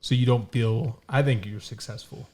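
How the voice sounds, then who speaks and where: A man in a relaxed home podcast, speaking at a middle pitch. He rambles through stories full of "like" and "um" and keeps a casual, conversational flow. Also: moderate pace, slight background noise. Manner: rambling, storytelling, many fillers. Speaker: podcast co-host.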